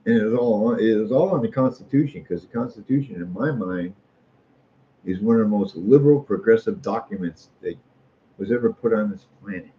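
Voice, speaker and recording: Brisk and lowish-voiced, this middle-aged American man is a street artist rambling off the cuff. He comes across folksy and opinionated, hammering home ideas by repeating phrases. The sound is muffled and lo-fi, with faint noise.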